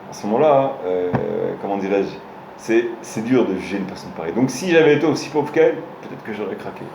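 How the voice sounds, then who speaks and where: A rabbi with a lowish voice teaches an informal Torah class, speaking quickly with lively intonation and a slightly mellow tone. He tells stories directly to his listeners, often hesitating and restarting. The roomy space has faint ambience and a little background noise.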